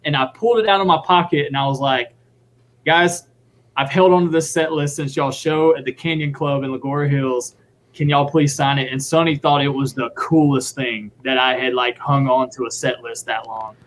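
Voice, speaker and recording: A man, a guest drummer, telling a story in a casual, excited, rambling way. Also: mid-range voice, moderate pace, slight background noise. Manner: excited, rambling, acts out quotes.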